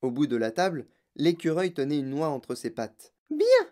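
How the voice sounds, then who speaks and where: A woman narrating a children's novel in an expressive storytelling way. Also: extremely low pitch, moderate pace. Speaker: reader.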